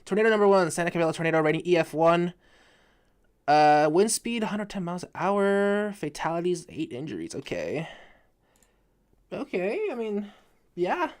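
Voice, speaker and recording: A man's voice: high voice, very animated, moderate pace, pauses often. A drunk man giving casual live reaction commentary from his room, rambling, swearing and stumbling over his words. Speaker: live streamer reacting to a video.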